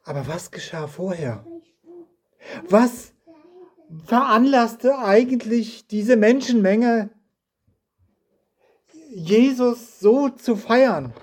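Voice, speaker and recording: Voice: mid-range voice, expressive, drawn-out words, long pauses, darkish tone. A preacher giving a sermon indoors in a house, reading scripture and asking the listeners reflective questions.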